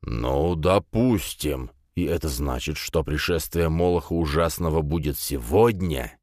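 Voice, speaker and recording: Male reader as big warrior chief: low, gruff, curt. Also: unhurried, a little mellow, dry recording, studio quality. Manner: rough, growling.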